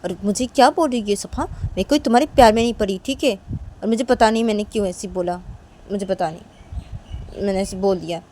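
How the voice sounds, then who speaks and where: A woman's voice: medium pitch, a little fast, a little hiss or hum, natural voice. A woman voicing an angry young woman who scolds and insists she is not in love. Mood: scolding. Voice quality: sharp, scolding, repeats "chup ho jao".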